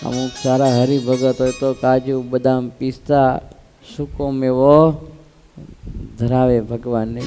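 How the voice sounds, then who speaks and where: A man's voice: medium pitch, mellow, smooth. A man, a swami, giving a devotional sermon, telling a story with rhetorical questions and acting out the dialogue. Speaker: swami giving a scripture discourse.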